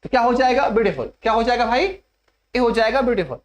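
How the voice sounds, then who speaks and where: A woman with a fairly high voice is teaching a grammar lesson in an exam coaching class. She lays out each point step by step and repeats it slowly. She keeps asking her students rhetorical questions to keep them with her. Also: lively intonation. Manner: slow and repetitive, spelling out each step. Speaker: English teacher.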